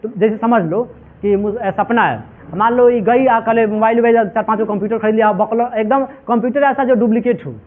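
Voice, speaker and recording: This English teacher's voice sits high and moves fairly quickly. Lecturing his class, he calls the students "my children" and runs a repetitive round of questions and answers, all captured in tinny, phone-like sound.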